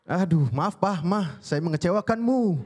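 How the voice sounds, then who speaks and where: A man's voice: high-pitched, moderate pace. A young man performing a stand-up comedy set on stage, talking animatedly and slipping into impersonations. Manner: animated, jumps into impersonations of odd voices. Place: stage before a live audience.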